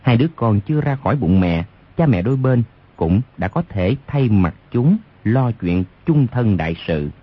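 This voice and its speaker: A man with a low, slightly husky voice narrates a long martial arts tale. His reading rises and falls with lively expression. The sound is muffled and lo-fi, as from a radio broadcast. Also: moderate pace. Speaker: audiobook narrator. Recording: lo-fi radio recording.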